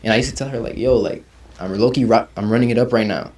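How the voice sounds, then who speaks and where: A man's voice: medium pitch, fast talker. A young man in his twenties from Uganda, a rapper chatting casually as an interview guest, full of slang and "you feel me.". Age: 20s. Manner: slangy, relaxed, says "you feel me" often.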